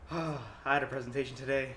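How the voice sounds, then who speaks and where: A man's voice: medium pitch, fairly even intonation, moderate pace. A college senior in his twenties chatting with friends, laid-back and defensive in banter. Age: 20s. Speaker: co-host. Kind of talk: casual chat. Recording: loud background noise.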